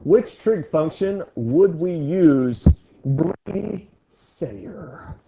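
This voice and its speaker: A man's voice: on the high side, expressive, very slow, gravelly, warm tone, highs cut off. A male teacher leading a classroom review lesson, joking with his students. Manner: playful, jokey with students.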